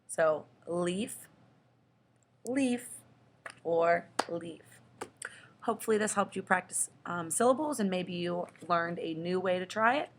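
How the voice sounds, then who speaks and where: Patient low-voiced woman teaching children. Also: a little hiss or hum. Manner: slow and patient, drawing out the example words. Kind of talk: children's lesson explaining syllables.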